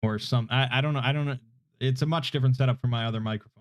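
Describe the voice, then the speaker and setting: A thirty-year-old man answers viewer questions in a casual chat, hesitant and self-deprecating, speaking rapid-fire in a steady, relaxing, mid-range voice. He uses a desk microphone without his usual equalizer, which is slightly muffled, yet the recording is studio quality with no echo.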